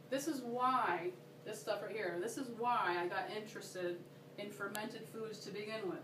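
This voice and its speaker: A woman giving a casual, enthusiastic workshop demonstration, chatty and checking in with her listeners. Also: on the high side. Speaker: workshop presenter. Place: workshop room. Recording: roomy, distant, noisy room recording.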